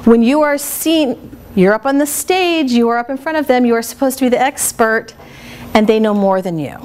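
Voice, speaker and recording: Leading a small-group workshop in a meeting room without a mic, this speaker trainer has a big, slightly high voice. She chats easily, stays lively and laughs readily.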